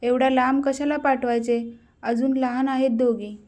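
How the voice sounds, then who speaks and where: A woman's voice: high-pitched, level tone, normal speed, a little mellow, close to an everyday voice. A woman voicing a scolding, protective middle-aged mother.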